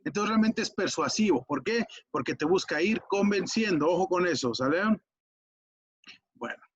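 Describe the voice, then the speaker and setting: Casual Mexican teacher, husky voice. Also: male voice, high voice, lively intonation, dull audio. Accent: Mexican Spanish. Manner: casual, chatty, asks quick checks like ok and va. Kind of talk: explanatory exam-prep lesson.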